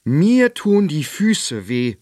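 A man voicing a blustering, hot-tempered fairy-tale king who shouts his demands. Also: fairly high pitch, very animated, drawn-out words, breathy edge, no room sound, studio quality, pitched above the performer's own voice, heavily acted. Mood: whining. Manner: loud, bellowing, demanding.

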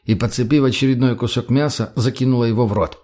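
A man narrating an audiobook with steady storytelling. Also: mid-range voice, fast talker.

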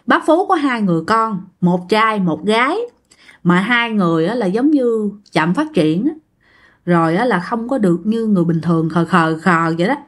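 A woman's voice: mid-range voice, expressive, moderate pace. A woman with a Southern Vietnamese accent telling a ghost story casually, chatting straight to her listeners.

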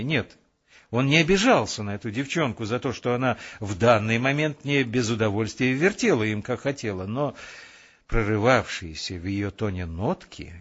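Calm male audiobook reader. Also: on the low side, dull audio. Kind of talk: audiobook narration.

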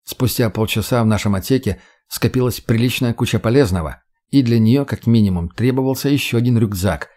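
A man reading first-person action fiction in a steady, matter-of-fact way. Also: medium pitch, brisk, few pauses. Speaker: audiobook narrator.

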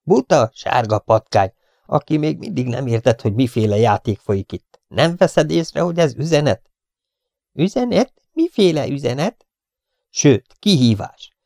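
A man voicing an angry, scheming gentleman villain in an audiobook, snapping with contempt at his servant. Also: mid-range voice, big pitch swings, gravelly, no echo, clean studio sound, pitched above the performer's own voice. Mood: irritated.

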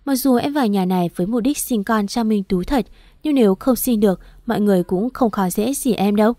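A woman doing a spiteful, sharp-tongued young wife. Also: medium pitch, a little fast, no echo, close to an everyday voice. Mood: taunting. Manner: sharp-tongued, taunting, shouting.

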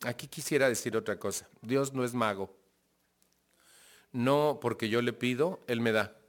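A man's voice: mid-range voice, unhurried. A man with a Mexican accent giving a conversational personal testimony to a recovery group, laughing often and checking in with his listeners. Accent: Mexican Spanish.

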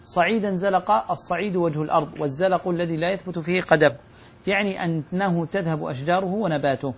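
A man reading a classical religious commentary aloud in a class, moving quickly through the text and slowing down to quote verses. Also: high voice, breathy edge.

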